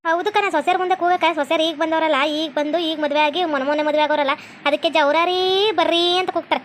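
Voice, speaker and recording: A woman's voice: high voice, steady tone, slight background noise, natural voice. A woman with a North Karnataka Kannada accent voicing a bossy, scolding middle-aged mother-in-law in a cartoon comedy. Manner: scolding, rapid-fire bossy.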